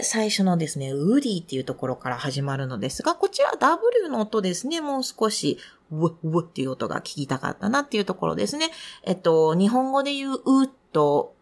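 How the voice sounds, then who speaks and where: A young adult woman giving polite, patient pronunciation feedback to a student, explaining sounds step by step. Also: vocal fry. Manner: polite, patient, explanatory, lively rises in pitch. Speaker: English pronunciation tutor. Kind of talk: recorded feedback on a student's reading.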